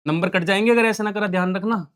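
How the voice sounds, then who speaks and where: A man teaching accountancy in an online lesson, reading out numbers as he writes and firing quick questions that he then answers himself. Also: high voice, fairly bright tone. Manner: talks while writing, reading out numbers. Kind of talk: online lesson, solving on a board.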